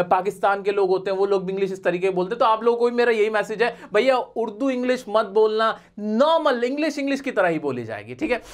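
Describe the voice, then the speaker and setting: Earnest male spoken-English teacher. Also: high-pitched. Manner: keeps checking in with the viewer by asking "okay?"; models English words slowly and deliberately. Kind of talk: online video lesson.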